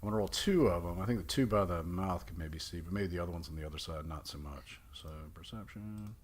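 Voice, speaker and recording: A man's voice: low voice, fast talker, background noise. A man narrating as game master of a tabletop game, laid-back and chuckling as he thinks aloud.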